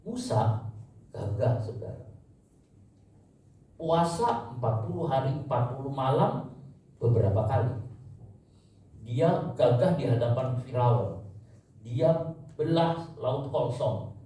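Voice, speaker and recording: A man's voice: medium pitch, lively intonation, slow, long pauses, mellow. A man preaching a sermon as pastor, speaking emphatically and often addressing his congregation directly. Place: church hall. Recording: echoey church hall from far off, faint ambience.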